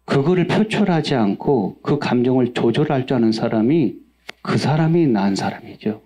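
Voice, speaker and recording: A man's voice: medium pitch, lively intonation, normal speed, mellow. A male pastor preaching a sermon, asking the congregation questions and acting out angry outbursts in a raised voice. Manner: asks the congregation questions and answers them himself.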